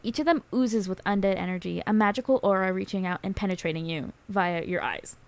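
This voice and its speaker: A woman's voice: medium pitch, fairly quick. A woman on a casual gaming stream who reads game text aloud and laughs often between jokey asides.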